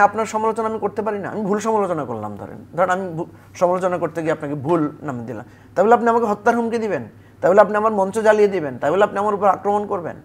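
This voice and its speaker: A man debating politics as a guest on a television talk show, arguing with rhetorical questions. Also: high voice.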